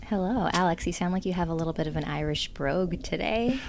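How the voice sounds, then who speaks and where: A woman's voice: fairly low pitch, fast talker, vocal fry, slight background noise. A woman co-hosting a podcast, talking thoughtfully and explaining her ideas in detail. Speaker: podcast co-host. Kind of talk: casual academic podcast chat.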